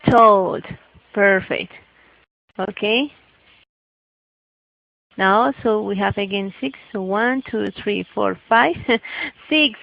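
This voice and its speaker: A woman's voice: mid-range voice, vocal fry, lo-fi sound. A woman teaching a lesson patiently, often stopping to check that her student understands. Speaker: English teacher. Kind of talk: classroom teaching.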